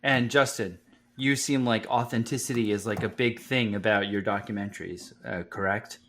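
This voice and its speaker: A man's voice: fairly low pitch, fairly even intonation, normal speed, fairly bright tone. Rambling, cursing man co-hosting a podcast. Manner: rambling, swears freely. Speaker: podcast co-host. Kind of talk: casual podcast chat.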